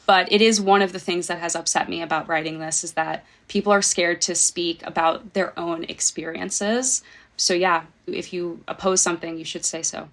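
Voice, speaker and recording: A woman's voice: fairly low pitch, fairly even intonation, moderate pace, a bit bright. A woman reporter speaking earnestly as a podcast guest, with frequent ums and uhs. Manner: earnest, uses fillers like um and uh. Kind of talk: podcast interview.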